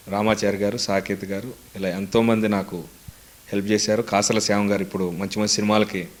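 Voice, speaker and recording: A young man, a mimicry artist answering interview questions earnestly, in a storytelling way. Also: fairly low pitch. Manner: earnest, storytelling, lists names steadily.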